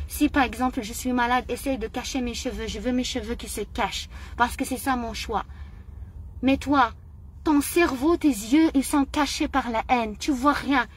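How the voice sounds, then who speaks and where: A woman's voice: a little high, slight background noise. A middle-aged woman from Morocco, speaking in an impassioned personal monologue, indignant and emotional, often repeating her phrases. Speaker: vlogger.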